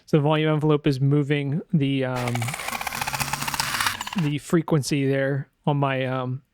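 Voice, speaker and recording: The recording is very noisy. Over it, a man with a medium-pitched, level voice talks through a casual sound design tutorial on screen share, hesitantly thinking out loud at a measured pace while he shows his work.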